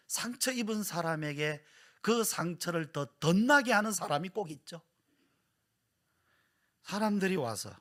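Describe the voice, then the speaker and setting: Dramatic pastor dropping to whispers. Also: male voice, a little high. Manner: dramatic, swings from loud emphasis to hushed whispers. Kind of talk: sermon. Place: church service.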